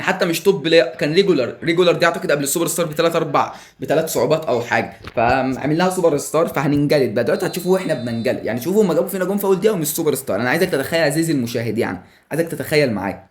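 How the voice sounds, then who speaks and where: A man with an Egyptian Arabic accent doing excitable live commentary over a football video game, yelling at the players and joking with viewers. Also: a little high, very fast. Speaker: gaming YouTuber.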